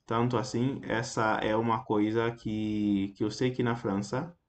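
This man's voice is lowish, level and unhurried as he walks through basic French pronunciation, saying sample words more than once and frequently asking "ok?" in an explanatory language lesson.

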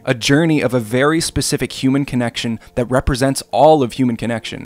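A man hosting a video essay, narrating in an earnest, contemplative way. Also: mid-range voice. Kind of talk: scripted film essay narration.

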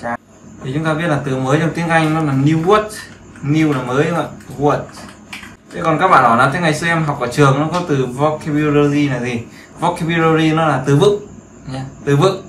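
Brisk and fairly bright, with a fairly high pitch and fairly even intonation, a male English teacher leads a casual screen-share class for beginners. He's chatty, repeats phrases and often checks that students are with him, in an echoey room carrying faint noise.

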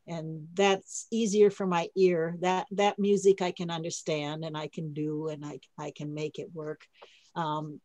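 A woman with a lowish voice leads a poetry workshop in a chatty, thinking-aloud way, often restarting her sentences. Her voice is picked up dry and close, with almost no room sound, through a computer mic on a video call. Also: a little mellow, no echo, low-quality recording. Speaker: poet leading a writing workshop. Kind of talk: casual teaching talk.

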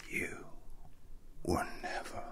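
In an ASMR roleplay, a young man plays a grandiose villain scientist, whispering breathily and theatrically right up against the mic. His pushed, bright delivery is menacing and mocking, broken by deliberate, threatening pauses.

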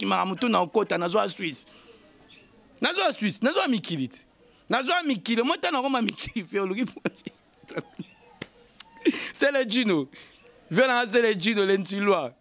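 High-voiced man. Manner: emphatic, repeats phrases, chanting fillers. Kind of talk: animated commentary mixing Lingala and French.

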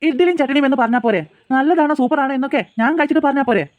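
A woman's voice: high voice, racing, dry recording, phone-quality sound, natural voice. A woman voicing an easygoing cartoon father who coaxes his daughters and teases his wife. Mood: teasing. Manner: coaxing, gently teasing.

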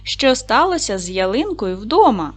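A woman teaching a recorded primary school lesson, patiently asking questions and slowly spelling out sounds and syllables. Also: a little high, big pitch swings, slightly rough. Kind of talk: recorded video lesson for children.

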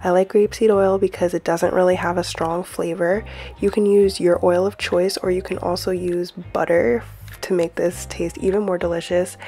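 A woman's voice: fairly low pitch, creaky, dark tone, breathy edge. A woman hosting her own cooking channel, talking through a recipe in a friendly, easygoing voice-over.

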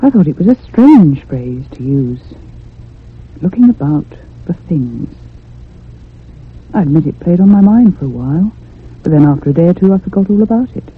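In a radio drama, an actress narrates a haunting as an anxious, curious unmarried woman who is convalescing, her delivery measured, literary, expressive and reflective. Her voice is husky and lowish, and the old radio sound is muffled and phone-like.

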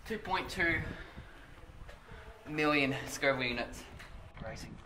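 A man's voice: on the high side, lively intonation, unhurried, roomy sound, noisy background. A young man with his mouth burning from spicy food, talking dramatically in a casual challenge vlog. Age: young adult. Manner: agonised, dramatic exclamations, sweary. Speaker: spicy pepper challenge taker. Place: outdoor park picnic shelter. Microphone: camera a step or two away.

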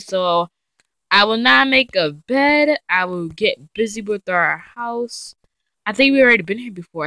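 A woman giving casual, chatty gameplay commentary, talking straight to her viewers and getting excitable and easily frightened as she plays. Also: on the low side, dry recording. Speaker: let's play gamer.

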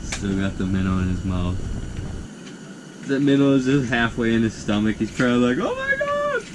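A young man with an Upper Midwest American accent, talking casually and excitedly as he ice fishes outdoors at night. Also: medium pitch, moderate pace. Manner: excited, exclaiming over catches. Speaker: fishing vlogger. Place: frozen lake outdoors at night. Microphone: action camera on the ice. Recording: outdoor camera with steady background noise.

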